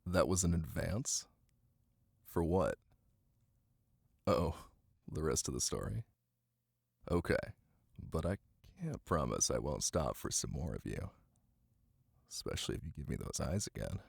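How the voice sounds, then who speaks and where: A man's husky, deep voice carries this ASMR roleplay of a playful, ticklish boyfriend reading to his partner, warm and affectionate in mood. The delivery is expressive and exaggerated yet soft, unhurried and teasing, broken by murmured pauses. A close microphone gives a dry recording backed by rain ambience.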